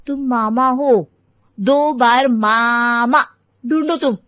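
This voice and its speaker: A woman's voice: on the high side, takes it slowly, a bit bright, clean tone, no echo. A woman voicing a lazy, sassy young married daughter in a storybook tale. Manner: sassy, bossy. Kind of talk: storybook voice acting.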